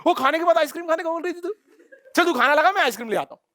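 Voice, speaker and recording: Male teacher doing a tired dad, soft and placating, bright tone. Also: very high voice, very fast, no room sound, pitched above the performer's own voice. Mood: coaxing. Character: tired middle-aged father calming his daughter.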